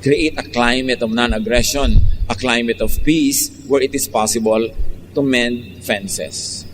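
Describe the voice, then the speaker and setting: A man with a Filipino accent, a pastor preaching a sermon, shifting between slow, calm teaching and lively mock quotes. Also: mid-range voice. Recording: long hall reverb, faint traffic noise.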